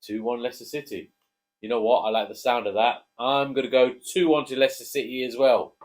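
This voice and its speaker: A man's voice: mid-range voice, fairly even intonation, fairly quick. Dad co-hosting a casual chat, jokey and chatty, always nudging his mate to talk. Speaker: co-host, father.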